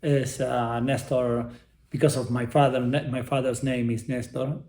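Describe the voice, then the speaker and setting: A middle-aged Argentine man, an artist appearing as an interview guest, speaks English as a second language with an Argentine Spanish accent. His medium-pitched voice is level and a little mellow, with a roomy sound. In this casual interview he halts often, hunts for English words, and restarts many times.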